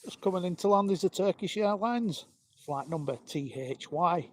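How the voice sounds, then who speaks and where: A man's voice: high-pitched, lively intonation, moderate pace. A man with an East Lancashire accent giving casual live commentary as he hosts a planespotting stream. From East Lancashire, England. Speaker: livestream host.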